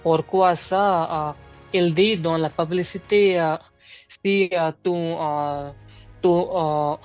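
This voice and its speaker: A woman candidate in a speaking exam role-play, speaking a second language. She talks slowly and a little low, stopping often to search for words and restarting her sentences. Faint music plays behind her. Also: steady tone, darkish tone, rough recording. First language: not French. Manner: halting, many fillers and restarts.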